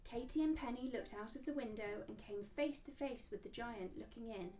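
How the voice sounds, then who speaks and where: A woman, a children's book author, reading a picture book aloud with gentle, expressive storytelling. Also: fairly high pitch, normal speed, far from the mic.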